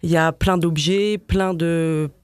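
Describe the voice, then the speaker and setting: A woman from Paris, a graphic designer, chatting as a guest in a casual interview, laughing often and filling pauses with many hesitations. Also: on the low side, steady tone, a little mellow, smooth, no echo. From Paris, France.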